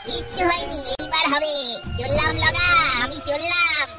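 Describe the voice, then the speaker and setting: Mischievous cartoon ghost, nasal, high-pitched, gleeful schemer, loud music behind. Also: fairly even intonation, a little slow. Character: mischievous, gleeful ghost plotting nightly mayhem. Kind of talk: cartoon voice acting.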